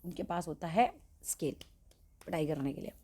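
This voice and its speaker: A woman's voice: low voice, warm tone. Indian woman teacher explaining a story. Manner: explains line by line, reading the English slowly. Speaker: English teacher. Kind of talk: bilingual classroom lesson.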